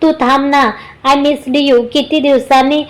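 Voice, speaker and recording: Woman doing a sulky possessive young husband, grumbly and demanding, voice stays high. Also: level tone, takes it slowly.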